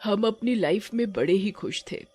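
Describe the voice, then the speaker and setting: A woman voicing a sorrowful female ice witch ghost in a cartoon, telling her story slowly and mournfully. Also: mid-range voice, lively intonation, a little mellow, breathy edge, faint music behind. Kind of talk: Hindi cartoon voice acting.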